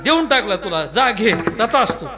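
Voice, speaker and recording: A man's voice: high-pitched, sing-song, normal speed. A male preacher voicing a patient, kindly god who grants boons and calls the devotee his child. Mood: indulgent. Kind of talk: acted quotes within a sermon.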